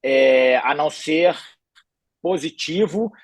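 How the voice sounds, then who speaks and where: A man in his forties from Belo Horizonte, a retired tennis player, telling his story in a calm, easygoing way as a podcast guest. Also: on the high side, slow, no echo. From Belo Horizonte, Brazil. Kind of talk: relaxed interview storytelling. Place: podcast studio.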